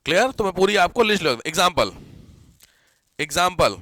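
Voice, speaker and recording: A man with a high, bright voice teaches a grammar lesson to a class. He keeps asking whether everyone has understood and repeats key words slowly for dictation. The sound is close and dry. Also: big pitch swings, dry recording. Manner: keeps checking if students follow, mixes English words into Hindi.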